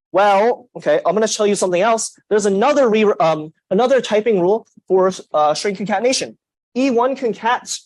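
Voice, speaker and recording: A young man lecturing a university class, lively and emphatic, putting questions to the students. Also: high voice, no room sound, rough recording. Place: lecture hall.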